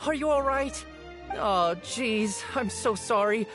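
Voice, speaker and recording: A woman's voice: a little high, slow pace, over music. A woman voicing an earnest young newspaper seller in a video game, polite, eager, hesitant and apologetic. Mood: flustered, apologetic.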